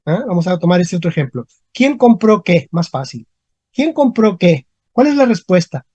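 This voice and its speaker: A teacher runs an online grammar lesson over a video call, repeating each example question and tagging checks onto every point. The voice is mellow and slightly husky, with a lively, swooping pitch. The sound is dry and dull, like lo-fi call audio. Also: no room sound. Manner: slow, repeats questions, frequent checking tags.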